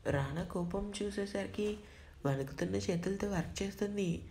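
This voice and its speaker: A woman storyteller narrating a romantic drama story in a steady, expressive reading voice. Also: mid-range voice, normal speed, creaky, slight background noise.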